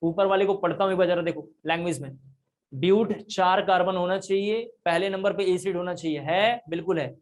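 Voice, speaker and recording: High-voiced man teaching chemistry. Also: fairly quick. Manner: explains step by step, repeats key points. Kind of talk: classroom lecture. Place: classroom.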